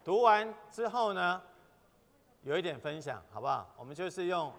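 A man's voice: high voice, sing-song, normal speed, gravelly, fairly bright tone. A man teaching a church group in a sermon style, reading quoted passages aloud and asking his listeners to answer back. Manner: reads quoted passages, then asks the group questions. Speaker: church teacher leading a training session. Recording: long reverb of a large hall.

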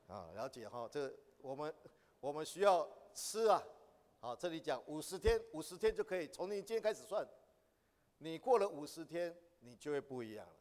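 A man leads a church training lesson, his voice pitched a little higher than most men's. He keeps putting questions to the room and lifts into emphatic appeals. His words ring out with the long reverb of a meeting hall. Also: very animated, normal speed, a little mellow. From Taiwan. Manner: asks the audience questions, rising to emphatic exhortation. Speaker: church class teacher.

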